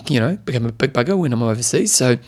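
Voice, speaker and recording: A man speaks with a broad New Zealand accent at a middling pitch. He hosts a casual sports podcast and talks in a colloquial, matey way, sprinkling in local slang. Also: lively intonation, fast talker, a little mellow. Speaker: podcast host. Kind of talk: casual co-hosted sports chat.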